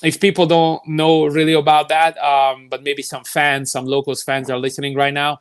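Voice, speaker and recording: A Hungarian man in his thirties, a youth soccer director, answers questions in a live interview, speaking with a Hungarian accent. His voice sits a little high and stays monotone at a moderate, smooth pace, captured in a dry recording. He explains things thoughtfully and at length, with lots of fillers and restarts.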